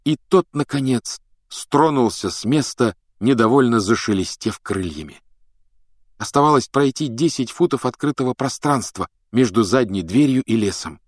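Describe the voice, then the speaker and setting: A man narrating an audiobook in an expressive, dramatic reading on a close mic. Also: medium pitch, moderate pace, dry recording.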